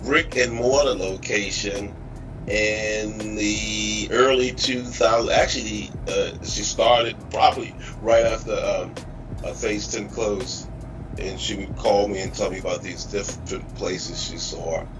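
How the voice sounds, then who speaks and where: A man's voice: lowish voice, fairly even intonation, unhurried, rough recording. A middle-aged man, a restaurateur, telling stories casually as an interview guest. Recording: music playing behind the talk.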